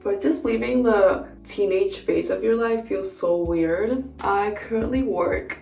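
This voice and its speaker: Young woman with a gravelly, roomy voice. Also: mid-range voice, a little slow, mellow. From Peru. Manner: chatty and candid, frequent "like" fillers. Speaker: beauty vlogger. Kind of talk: casual chat during a makeup tutorial. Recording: roomy, distant mic with background music.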